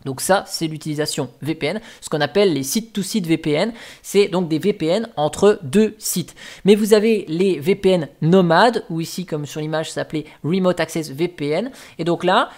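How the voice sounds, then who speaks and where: A man explaining networking concepts to viewers, pointing through a diagram piece by piece. His delivery is patient and methodical, with relaxed, self-mocking asides. He sounds like a tutorial host talking straight to his regular audience. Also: on the high side. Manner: patient, step-by-step teaching with casual asides. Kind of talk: explaining a tech topic over diagrams.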